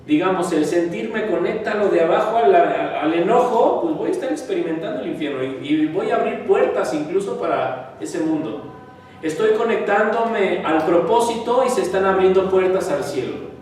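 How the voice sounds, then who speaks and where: A man giving a spiritual talk, swinging from loud emphasis to quiet asides. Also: high voice, expressive, moderate pace, slight background noise. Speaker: spiritual teacher. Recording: echoey hall, mic far off.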